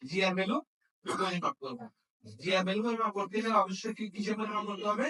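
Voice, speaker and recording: A phone repair instructor runs a hands-on class, talking fast in a high, expressive voice with a sharp edge. He keeps asking questions to check that students follow. The mic is distant and the room echoes.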